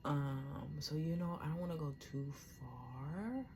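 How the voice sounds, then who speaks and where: American woman, low voice, unhurried pace, casual mukbang eating chitchat, colloquial, talking to viewers between bites. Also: background noise. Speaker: mukbang host.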